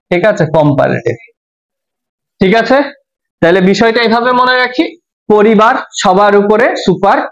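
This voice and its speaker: A man with a Bangladeshi Bengali accent giving a classroom English grammar lecture, spelling words out letter by letter and asking the class check questions. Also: sits high. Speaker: English teacher. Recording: dull lo-fi audio.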